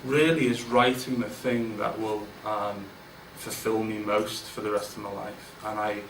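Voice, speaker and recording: In a large event room, a man in his forties delivers an informal business talk as a guest speaker, candid and self-deprecating with lots of fillers and restarts. His voice sits on the low side, fairly bright, with little pitch movement and a slightly slow pace. The distant mic yields a roomy sound with faint ambience and a little hiss or hum.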